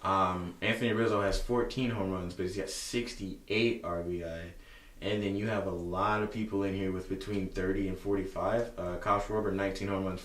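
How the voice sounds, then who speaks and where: A man co-hosting a casual sports podcast, rambling with lots of fillers as he reads stats aloud. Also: deep voice. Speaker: podcast co-host. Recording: echoey room, distant from mic.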